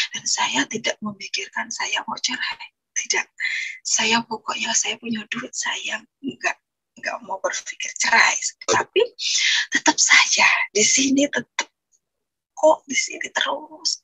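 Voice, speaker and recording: A woman from Indonesia recounts her personal testimony in an earnest, rambling way, often circling back and restarting her sentences. Her voice is very breathy and husky, close to a whisper much of the time. Under that airiness there is a gravelly fry, with a bright, pointed edge to the tone. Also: a little high, no echo, low-quality recording. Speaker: guest giving a testimony.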